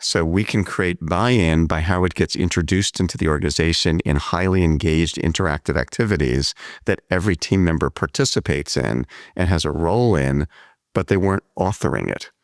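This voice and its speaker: A man hosting a podcast conversation, speaking in a measured, reflective way and explaining his ideas at length. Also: low-pitched, dry recording, studio quality. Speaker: podcast host. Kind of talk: conversational interview.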